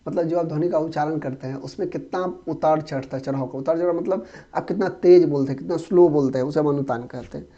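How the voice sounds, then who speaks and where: A young man teaches an exam-prep grammar lesson in a loose, conversational way, keeping his explanation moving with frequent checks on whether the students follow. His voice sits a bit high and sounds mellow and soft-edged. The recording is dull and lo-fi. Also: fast, hardly any pauses. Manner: conversational, checks understanding often.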